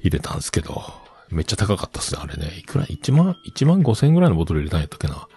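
A man's voice: low-pitched, wildly swooping pitch, rapid-fire, mellow, husky. A middle-aged man casually rambling through a personal story, acting out the bits he quotes. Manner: chatty storyteller who acts out quoted bits.

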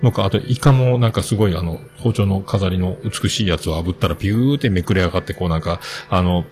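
A man's voice: low-pitched, fast, darkish tone, slight background noise. A man with a hosting a casual solo talk show, rambling and chatty with many fillers.

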